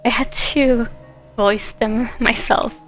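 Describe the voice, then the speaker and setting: Livestreaming a game, a woman talks casually and somewhat hesitantly, her voice a little high, fairly even in intonation, and slow. Faint game music plays in the background, and her microphone sounds dull and lo-fi.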